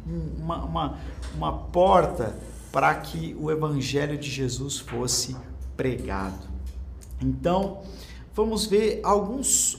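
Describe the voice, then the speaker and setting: A fairly high-voiced man from Brazil preaches a Bible lesson in an informal, earnest way. He raises his volume to press a point home, and a faint hiss of background noise sits under his voice. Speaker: preacher and teacher. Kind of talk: Bible class sermon.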